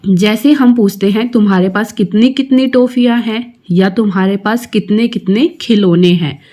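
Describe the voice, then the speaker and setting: A woman's voice: mid-range voice, dark tone. A woman teaching a textbook lesson to young schoolchildren, reciting a short poem and then going through each exercise step by step. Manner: slow, explaining each step to young children.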